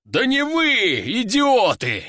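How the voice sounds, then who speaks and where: A man voicing a hot-tempered male army general who barks his orders in drawn-out shouts. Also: high-pitched, sing-song, no echo, studio quality, heavily acted. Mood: bellowing. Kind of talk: audiobook character voice.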